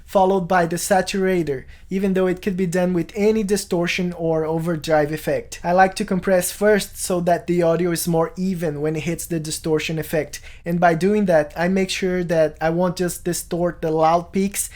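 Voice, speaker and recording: Clear-spoken man presenting a tutorial. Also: sits high, flat delivery, normal speed, hardly any pauses, darkish tone. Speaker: music production tutorial host. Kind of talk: explanatory video tutorial to camera. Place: small home studio, indoors.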